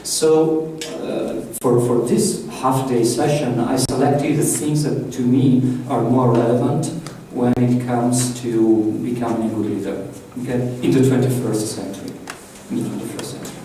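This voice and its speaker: A man from Italy runs a live workshop for an audience, chatting loosely in his Italian accent and asking the room questions. He speaks in a mellow, steady, mid-range voice at normal speed with few pauses. Recorded at a distance in a big echoey conference room, with faint hiss.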